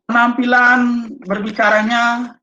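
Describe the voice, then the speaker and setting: A woman with an Indonesian accent leading a teacher training session, explaining slowly and haltingly with many fillers. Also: fairly high pitch, level tone, pushed and bright. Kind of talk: online training lesson. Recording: dull lo-fi audio.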